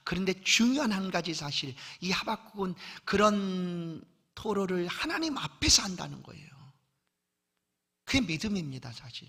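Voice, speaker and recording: Gravelly, bright-voiced male pastor preaching. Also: a little high. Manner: swings from loud exhortation to hushed near-whisper. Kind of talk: sermon.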